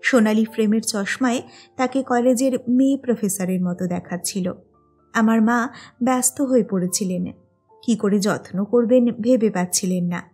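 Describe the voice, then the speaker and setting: A woman calmly narrating a novel aloud in a measured reading style. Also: a little high, breathy edge, soft background music. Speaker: audiobook narrator.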